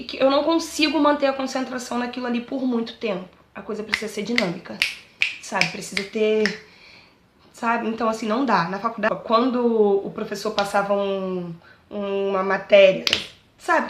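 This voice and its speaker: A woman's voice: fairly high pitch, normal speed, fairly bright tone, slight background noise. Chatty Brazilian woman in echoey room. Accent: Brazilian Portuguese. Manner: chatty, keeps asking "entendeu?"; earnest and pleading when addressing teachers. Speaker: vlogger speaking about her dyslexia. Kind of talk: casual personal talk to camera.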